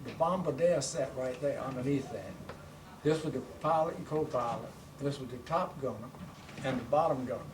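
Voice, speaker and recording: A man's voice: medium pitch, a little fast. An elderly man, a war veteran, remembering his service in a plain-spoken, conversational way. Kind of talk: recollecting wartime service in conversation. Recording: noisy room, distant microphone.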